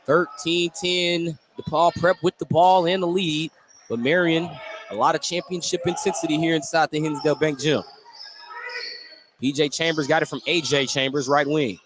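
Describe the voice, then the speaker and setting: Heard over music, a man with a slightly high voice and fairly even intonation speaks at normal speed. He's doing live basketball play-by-play for radio from courtside in a school gym, describing every move in brief, detailed phrases amid the noise of the live broadcast.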